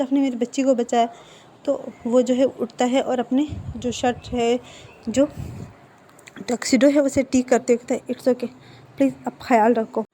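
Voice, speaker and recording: A woman casually retelling a fan story, chatty and loose, often pausing on fillers and correcting herself. Her voice is slightly high with a soft, mellow tone. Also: slight background noise.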